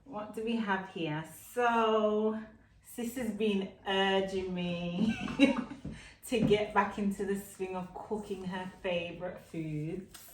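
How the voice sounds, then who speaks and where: A woman's voice: medium pitch, steady tone, takes it slowly. A woman guest in a casual chat, easygoing and giggly, recorded outdoors. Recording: roomy sound from a distant mic, faint noise.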